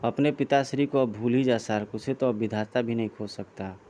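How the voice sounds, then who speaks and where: A man's voice: mid-range voice, fairly even intonation, moderate pace, warm tone, a little hiss or hum, lightly acted. A man reading aloud the lines of a boastful, mocking male demon warlord from a comic. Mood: gloating. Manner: mocking, boastful, laughing menacingly.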